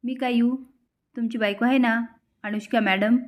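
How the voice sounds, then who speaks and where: A woman's voice: fairly high pitch, fairly even intonation, normal speed, natural voice. A woman voicing a shy young housemaid from a village who talks in a rustic, modest but stubborn way.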